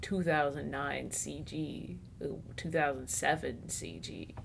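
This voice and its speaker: Podcast host w a gravelly voice, laughs a lot, little rumble behind. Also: very animated, slow pace, fairly bright tone. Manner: chatty, laughs often. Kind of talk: casual chat.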